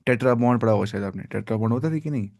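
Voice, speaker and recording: A man teaching a live online biology class in a casual, conversational way. He keeps asking his students questions, then answers them himself, stretching out key terms slowly. The recording is dry and close, with little room sound. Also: medium pitch, gravelly, a little mellow, no echo. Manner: mixes English science terms into casual Hindi.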